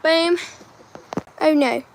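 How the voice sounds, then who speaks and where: A woman's voice: sits high, extremely slow, vocal fry, slight background noise. A woman chatting casually on a livestream from her balcony, rambling with lots of fillers. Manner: rambling, filler-heavy talk. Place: outdoors on a balcony.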